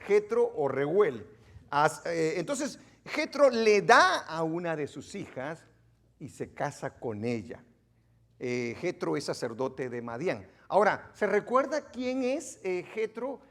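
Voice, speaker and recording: Male preacher, high and very expressive, teasing questions to the congregation, sermon in a church. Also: slow. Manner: quizzes the congregation, joking and exclaiming. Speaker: pastor. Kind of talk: interactive Bible teaching sermon.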